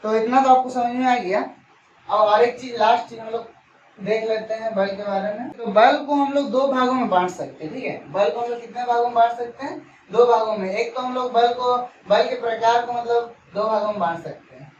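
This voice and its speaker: A man's voice: extremely high pitch, moderate pace, a little hiss or hum. A male school science teacher, teaching in a classroom. He asks his own questions, answers them, and acts out little everyday dialogues. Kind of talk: classroom lesson. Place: classroom with a board. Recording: echoey, distant, dull lo-fi.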